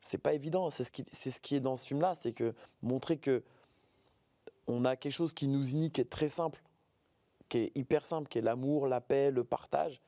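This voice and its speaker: A man's voice: medium pitch, moderate pace, mellow, dry recording. A man in his forties from the Paris suburbs, speaking earnestly as an interview guest, often hesitating and repeating words. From France, Paris suburbs. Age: 40s.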